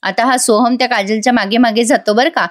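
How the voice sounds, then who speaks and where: A woman's voice: a little high, steady tone, fairly quick. A woman narrating a chatty plot recap of a TV serial, addressing the viewers directly.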